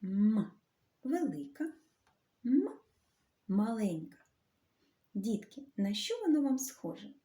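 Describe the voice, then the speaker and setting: Slow, sing-song woman teaching children. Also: medium pitch, sing-song, dark tone. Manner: slow, clear, drawn-out sounds for children. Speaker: primary school teacher. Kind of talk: literacy lesson for young children.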